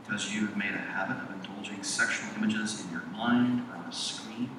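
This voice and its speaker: A man preaching a sermon in measured, emphatic phrases with dramatic pauses. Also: lowish voice, steady tone. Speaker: pastor. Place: large echoing church sanctuary. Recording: echoey hall, distant mic, background noise.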